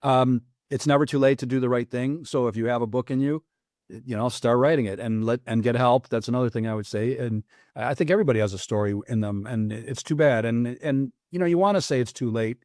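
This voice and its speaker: An older American man, a guest author, answering interview questions in an earnest, reflective and halting way. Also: medium pitch, darkish tone, no room sound, clean studio sound. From United States.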